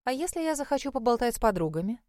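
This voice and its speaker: A woman's voice: a little high, big pitch swings, rapid-fire, a little mellow, dry recording, studio quality, pitched above the performer's own voice. A woman voicing a playful teasing young wife. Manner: playful, teasing, sometimes whispering.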